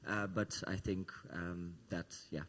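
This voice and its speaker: A man's voice: deep voice, steady tone, slow, fairly bright tone, big-room sound, slight background noise. A man from the Netherlands speaking at a panel discussion, hesitant and hedging as he talks.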